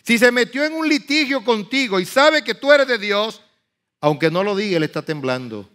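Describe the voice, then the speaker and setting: A pastor preaching a sermon, swinging from soft murmurs to loud, high outbursts and acting out biblical speech with dramatic emphasis. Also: male voice, animated, normal speed.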